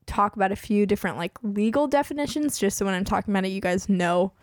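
In a clean studio recording with no room sound, a woman in her twenties hosts a casual podcast chat, filling her speech with "like." Her medium-pitched voice has lively intonation and a quick pace, though it's a bit worn because she's losing it.

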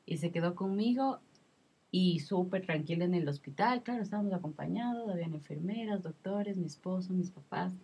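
A woman's voice: on the low side, expressive, fairly quick, husky, dull audio. A woman in her thirties in a casual conversation, telling a personal story with emotion and a lot of repetition. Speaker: guest sharing her experience.

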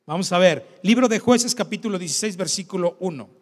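High-voiced pastor in a reverberant hall. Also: male voice, expressive, a little fast. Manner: conversational, keeps asking the congregation questions. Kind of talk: sermon. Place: church hall. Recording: long church-hall reverb.

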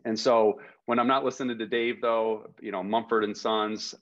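Give me a friendly, rambling man as a talk show guest, slightly low pitch, on dull lo-fi audio. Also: flat delivery, moderate pace. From Rochester, New York. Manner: friendly, rambling with many fillers. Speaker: interview guest. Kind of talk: casual interview chat.

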